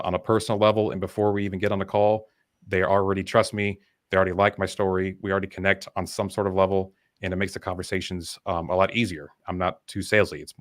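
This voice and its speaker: Fast-talking low-voiced young man. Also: a bit bright, no echo, studio quality. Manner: candid, storytelling, self-deprecating. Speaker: podcast guest, business founder. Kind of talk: casual conversational interview.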